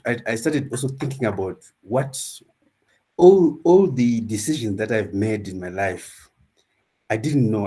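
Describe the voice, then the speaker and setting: A low-voiced man gives a reflective personal talk at an online academic symposium. He speaks thoughtfully and haltingly, pausing to find his words. His voice comes through a video call. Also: warm tone, breathy edge. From Zimbabwe.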